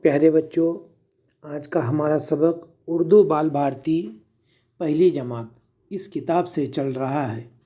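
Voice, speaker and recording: Slow, patient man teaching letters. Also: a little high, steady tone, dark tone. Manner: patient, sounding out letters and asking children to repeat. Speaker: primary school Urdu teacher. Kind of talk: slow spelled-out reading lesson for children.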